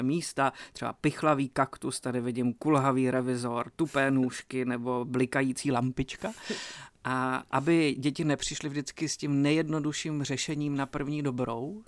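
A man, an author and creative writing tutor, explaining his ideas in a radio studio interview, measured and hesitant with many fillers and restarts. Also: mid-range voice, dry recording.

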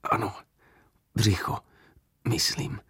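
A man voicing a calm, quietly stubborn young soldier who speaks softly and says little. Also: close to an everyday voice. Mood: weak. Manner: quiet, calm, sparse words.

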